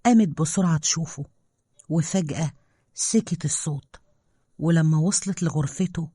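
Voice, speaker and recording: A woman with an Egyptian accent narrating a story in a calm, measured way. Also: deep voice, breathy edge, no room sound, clean studio sound. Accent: Egyptian Arabic.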